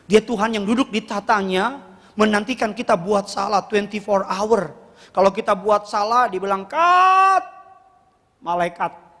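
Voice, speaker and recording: A man preaching a sermon as pastor, animated and rising to emphatic high peaks. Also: moderate pace. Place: church hall. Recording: echoey church hall with long reverb.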